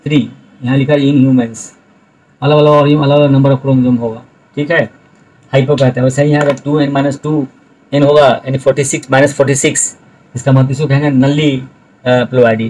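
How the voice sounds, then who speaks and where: A middle-aged male biology tutor talks through his notes in a level, even tone that barely rises or falls. He walks students through each point deliberately and repeats the key terms. His voice sits at an ordinary middle pitch. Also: poor audio. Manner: explains step by step, repeats key terms, addresses students directly. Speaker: biology teacher. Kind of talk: recorded video lecture explaining notes.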